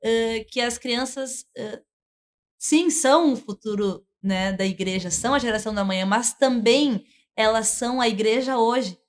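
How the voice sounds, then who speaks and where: A woman, a church minister telling an earnest, emotional testimony in conversation. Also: fairly high pitch. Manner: earnest, emotional storytelling with many fillers. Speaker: church minister, worship leader.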